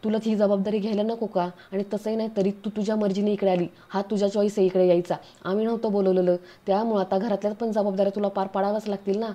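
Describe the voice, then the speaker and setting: A woman's voice: medium pitch, flat delivery, fast talker, hardly any pauses, mellow, close to an everyday voice. A woman voicing a stubborn young husband who lectures dismissively.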